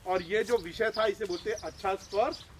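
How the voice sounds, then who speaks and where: A man teaching village children outdoors, lively and full of questions to them. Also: sits high, fairly quick, noisy background. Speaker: outreach trainer.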